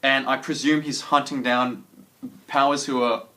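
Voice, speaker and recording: A man's voice: medium pitch, little pitch movement, normal speed, sharp tone. A man co-hosting a casual podcast chat, rambling and hesitant, with many fillers. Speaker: co-host. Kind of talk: casual chat about a TV trailer.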